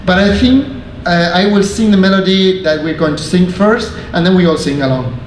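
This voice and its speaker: A young man from Argentina and Denmark giving a casual, friendly presentation as a museum intern, with relaxed fillers. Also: sits high, normal speed. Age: young adult. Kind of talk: informal public presentation. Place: museum hall with audience. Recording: echoey room with faint noise.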